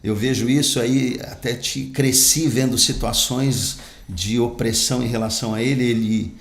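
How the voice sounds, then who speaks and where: In a podcast interview built around personal storytelling, an actor-turned-pastor guest earnestly and emphatically relates his life story. His mid-range voice holds a steady tone at normal speed, and the recording sounds roomy.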